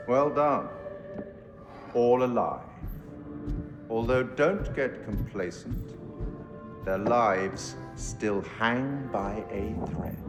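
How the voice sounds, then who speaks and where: A male actor with a medium-pitched voice plays the mysterious, sardonic curator of stories who narrates and hosts a horror game. His scripted monologue is formal, measured and theatrical, wry and ominous, addressed directly to the listener. Music plays behind him, and the recording has echoey hall reverb.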